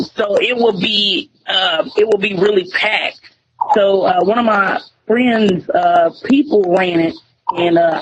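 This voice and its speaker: A young radio host from Tyler, Texas chats casually during an interview, her mid-range voice fairly bright. She speaks in a relaxed, slangy style with many fillers, recorded roughly.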